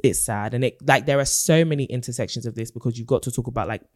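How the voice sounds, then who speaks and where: A man's voice: mid-range voice, fast talker, darkish tone, no echo. Dry-sounding London man, urban slang. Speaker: podcast co-host. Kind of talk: casual chat.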